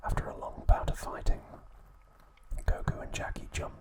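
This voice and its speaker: A man whispers through an ASMR recap, his voice breathy and unvoiced the whole way. As host, he guides the listener through trivia in hushed, measured short phrases.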